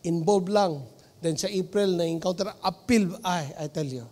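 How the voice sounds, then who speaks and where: A male pastor with a Cebuano Filipino accent delivers a lively sermon, switching into English phrases. His voice sits a little high for a man. The sound carries a long reverb, as in a church hall. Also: a little slow. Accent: Filipino, Cebuano-speaking region. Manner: lively preaching, mixing in English, with shouts and laughter.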